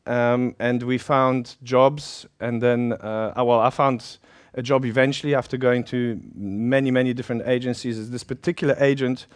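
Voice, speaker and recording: A man's voice: medium pitch, level tone, moderate pace, hardly any pauses, no echo, studio quality. A middle-aged man from South Africa with a South African accent, Polish by birth, preaching informally with a chatty, self-deprecating manner and frequent laughter. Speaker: pastor.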